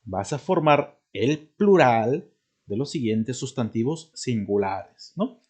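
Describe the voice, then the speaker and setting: A man's voice: medium pitch, lively intonation, takes it slowly, a little mellow. A male teacher giving a recorded grammar lesson, explaining step by step and checking in with his students.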